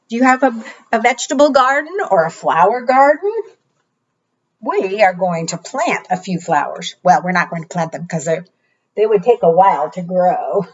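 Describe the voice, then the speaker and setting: A woman reads to preschoolers in the manner of a kids' show host. Her mid-pitched voice moves slowly and swings widely in pitch, sing-song and coaxing, with questions for her young listeners. The recording sounds slightly dull and lo-fi. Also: breathy edge. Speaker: children's storytime host. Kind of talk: preschool storytime read-aloud with rhymes and counting.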